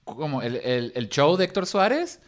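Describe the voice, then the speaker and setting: A young man with a Mexican accent, chatting sarcastically and deadpan as a podcast co-host. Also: a little high, moderate pace. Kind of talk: casual chat.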